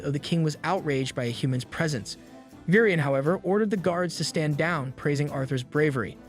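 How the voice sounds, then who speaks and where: A man giving a steady, scripted narration of an anime plot recap, in an even storytelling delivery. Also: a little high.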